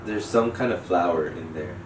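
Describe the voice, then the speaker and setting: A low-pitched man co-hosts a podcast at a moderate pace, chatting casually, rambling, joking and laughing easily. The home studio room sounds echoey, with the mic far off and background noise.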